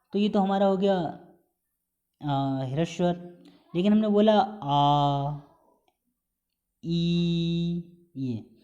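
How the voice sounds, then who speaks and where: A man with a mellow, warm voice gives a recorded exam-prep lesson. He explains each point patiently and stretches out sounds to demonstrate pronunciation, slipping English terms in among his explanations. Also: high voice, highs cut off. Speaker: Hindi teacher.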